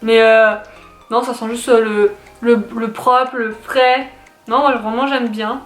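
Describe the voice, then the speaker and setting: With soft music in the background, a young woman chats slowly through a casual haul video about what she bought, rambling with fillers and restarts. Her voice is on the high side with fairly even intonation, in an echoey room carrying faint noise.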